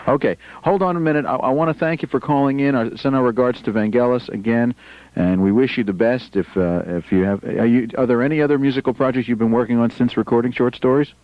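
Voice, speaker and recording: A man with a mid-range voice and a quick pace hosts a live radio program, putting friendly but stammering questions to callers over the phone. It's recorded in a radio studio, and the broadcast audio sounds dull.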